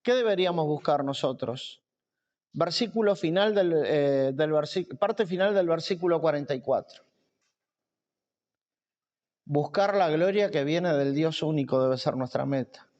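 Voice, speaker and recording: Male preacher, high voice, emphatic sermon delivery with repeated phrases; muffled low-fidelity sound. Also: unhurried, a little mellow. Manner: emphatic, repeating key phrases with rising pitch.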